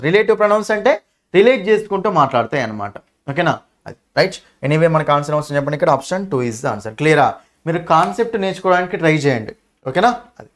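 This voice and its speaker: A man with a Telugu accent teaching an exam-prep grammar lesson, speaking quickly and emphatically and often checking that students follow. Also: high voice.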